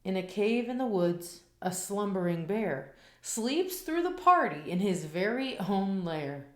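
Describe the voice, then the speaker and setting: A woman reading a children's picture book aloud in a slow, expressive, rhythmic way, after a casual spoken intro. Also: mid-range voice, roomy sound.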